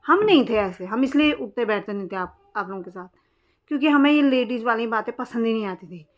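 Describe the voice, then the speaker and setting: A woman's voice: on the high side, expressive, fairly quick. A woman vlogger telling a personal story in a blunt, aggrieved way, in casual vlog talk. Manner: blunt, aggrieved recounting of a quarrel. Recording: dull lo-fi sound.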